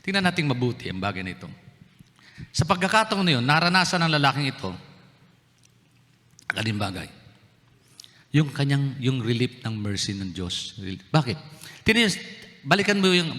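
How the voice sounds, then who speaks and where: A man from the Philippines preaches to his congregation, his bright voice ringing with a long reverb through the church hall. He slips English phrases into his sermon and keeps asking his listeners questions. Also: medium pitch. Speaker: pastor. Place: church sanctuary.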